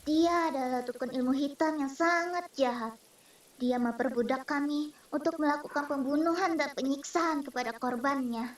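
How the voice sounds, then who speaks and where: A woman with a high voice performs lightly acted lines at a moderate pace for an Indonesian comic dub. Her character is an earnest female spirit scheming to free her kind, and she sounds reassuring. The mic is distant and the space roomy.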